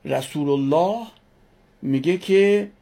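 A woman's voice: deep voice, vocal fry, warm tone, slightly rough. A woman teaching a religion class who asks her students questions and answers them herself, repeating key words for emphasis.

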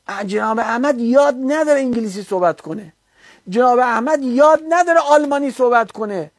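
A man's voice: very high-pitched, no room sound. A man giving a religious lecture, arguing his case and rebutting an opponent with mounting insistence. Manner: argumentative, rising to heated rebuttal.

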